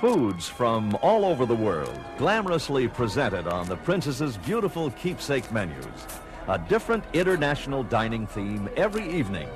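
A man's voice: medium pitch, wildly swooping pitch, moderate pace. A man reading polished, florid travel promotional narration in a salesmanlike way. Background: music.

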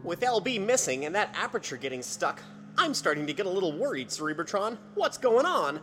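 A woman's voice: fairly low pitch, very animated, brisk, over music. Woman as an earnest boy sidekick. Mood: worried. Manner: eager, earnest. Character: earnest young boy cub reporter sidekick. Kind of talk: retro sci-fi radio drama acting.

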